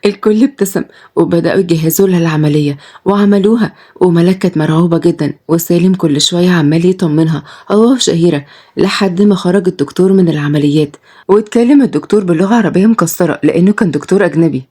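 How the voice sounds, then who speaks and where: A woman narrating a romance story in a brisk, dramatic way with an Egyptian Arabic accent. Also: on the low side, warm tone, husky.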